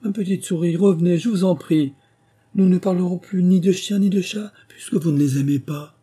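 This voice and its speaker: A man's voice: mid-range voice, expressive, moderate pace, warm tone, slightly rough. A man voicing Alice, a curious and polite young girl, in a storybook reading, with a raised, eager and pleading tone.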